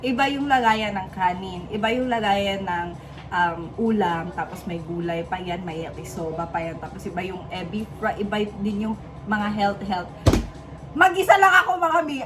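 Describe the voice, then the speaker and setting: Chatty Filipina mom vlogging at home. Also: female voice, on the high side, fairly bright tone, slight background noise. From Philippines. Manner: chatty, self-mocking, playful asides. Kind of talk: casual vlog chat. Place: home kitchen.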